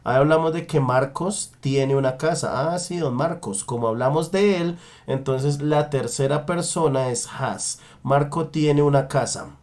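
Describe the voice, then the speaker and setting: A man teaching an English lesson, slowly drawing out example sentences and checking in with his students often. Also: a little high, darkish tone. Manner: slow, drawn-out model sentences in English. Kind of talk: online language lesson.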